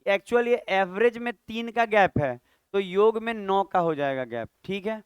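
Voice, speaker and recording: A man's voice: sits high, animated, measured pace, clean tone, no room sound, dull audio. A man teaching a maths class, chatty and scolding, quizzing students aloud. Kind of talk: classroom lecture.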